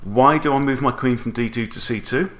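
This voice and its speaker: A man's voice: mid-range voice, fairly quick, a bit bright. A man in his forties giving explanatory chess commentary as an instructor, talking through options with rhetorical questions.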